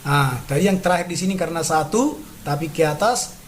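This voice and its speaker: Man, chemistry teacher, patient step-by-step explaining, slightly high voice, faint background hiss. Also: lively intonation, a little fast, rough recording. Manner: patient, repeats steps, frequent "ya" and "nah" checks. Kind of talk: classroom lesson explaining on a board.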